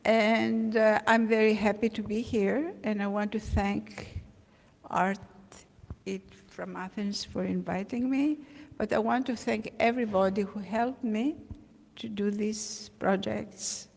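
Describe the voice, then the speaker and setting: A woman from Greece, speaking as an invited artist in a measured symposium talk full of ums. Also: medium pitch, steady tone, creaky, a little mellow. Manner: measured, with frequent ums and uhs. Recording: echoey hall.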